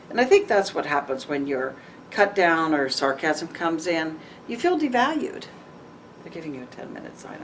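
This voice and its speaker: Recorded from afar in an event venue with audience tables, a woman's notably low voice sounds set back in the room over a faint hiss. As a guest in a candid conversational interview, she is frank and animated, speaking with a lilt and laughing often.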